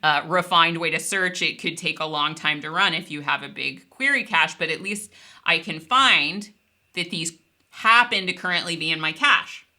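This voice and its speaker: A woman instructor with a deep voice talks through a technical software topic at a moderate pace. Her style is informal, conversational and emphatic, almost like she's thinking out loud.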